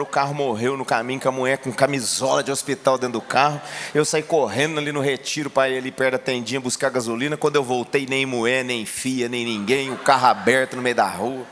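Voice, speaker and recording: A Brazilian man preaching a sermon, telling a testimony in a colloquial way and rising to shouts. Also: medium pitch, slight background noise. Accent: Brazilian Portuguese. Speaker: pastor.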